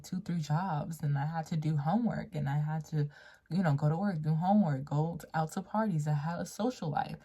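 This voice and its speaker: Woman, late twenties, casual tarot reader, playful and chatty, lowish warm voice. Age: late 20s. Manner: chatty, playful, laughs often, talks straight to the viewer. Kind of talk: casual tarot reading to camera. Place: very quiet room at home.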